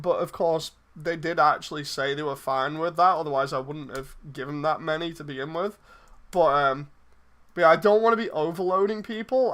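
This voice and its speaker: Here a man with a somewhat high, fairly bright voice chats loosely on his livestream as he works through messages. As streamer and project lead casting voice roles, he rambles with plenty of hesitation and tends to drop off partway through his thoughts.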